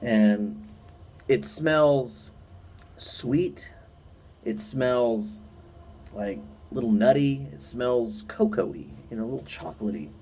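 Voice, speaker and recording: A man's voice: medium pitch, slow, pauses often, dark tone. A man giving a chatty, informal and emphatic product review as an enthusiastic hobbyist reviewer. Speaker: pipe tobacco reviewer. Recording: noticeable background noise.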